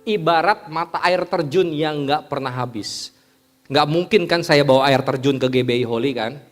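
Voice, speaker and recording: A man preaching a sermon in a church, lively, asking the congregation questions and acting out everyday scenes. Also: a little high.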